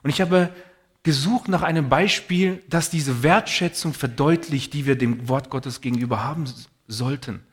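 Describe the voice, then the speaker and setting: Husky preacher telling a story. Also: male voice, medium pitch, normal speed. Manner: earnest, personal storytelling with Bible readings. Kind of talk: sermon.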